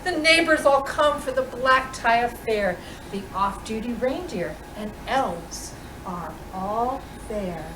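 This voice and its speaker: Reading a picture book aloud to kids, a woman voicing Mrs. Claus takes her time, telling it expressively with deliberate, dramatic pauses. Her pitch is fairly high, and a distant mic in a roomy space catches clear background noise.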